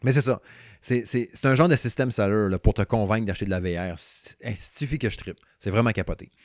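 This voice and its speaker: Young man, Quebec French accent, excitable game reviewer, rambling slangy chat, dry close sound. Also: on the low side, fairly quick, no room sound. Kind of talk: casual gaming chat.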